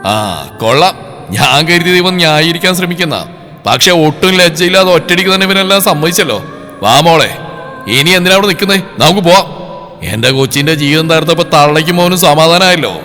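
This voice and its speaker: A man's voice: a little high, brisk. A man voicing an angry, protective father. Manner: loud, scolding. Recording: long reverb, faint music.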